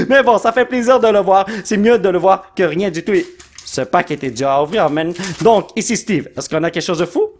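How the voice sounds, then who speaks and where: A man's voice: sits high, moderate pace, slight background noise. A man with a Québécois French accent, hosting a card pack opening video. He rattles off card names and jokes with his son. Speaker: YouTuber host.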